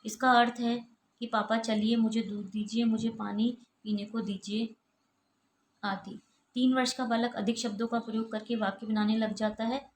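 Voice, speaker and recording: Woman lecturing in a flat, even tone. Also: a little high, normal speed. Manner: steady, explanatory, lists examples one by one. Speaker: assistant professor. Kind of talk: recorded college lecture. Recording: echoey room with faint ambient noise.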